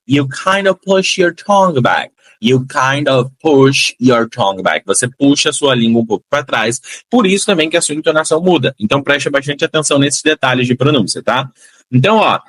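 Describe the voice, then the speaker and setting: Brazilian English teacher, dry close voice. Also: male voice, mid-range voice, fairly bright tone, slightly rough, dry recording. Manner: demonstrates pronunciation by repeating phrases slowly; encouraging, motivational asides to students. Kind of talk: online English lesson.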